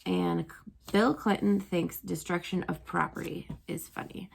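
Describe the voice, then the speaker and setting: Young teacher lady chatting thru history stories, lots of ums, low gravelly voice. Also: fairly even intonation, measured pace, slight background noise. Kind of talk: casual history storytelling for students.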